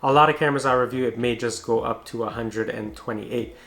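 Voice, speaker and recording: A man's voice: mid-range voice, steady tone, brisk, a bit bright. A man reviewing a product in a conversational, informal and explanatory way.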